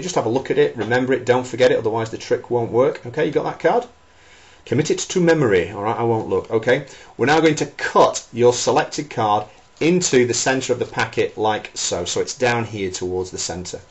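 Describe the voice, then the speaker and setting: A man performing as a theatrical card magician, talking a spectator through tricks with showy patter and repeated phrases for emphasis. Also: mid-range voice.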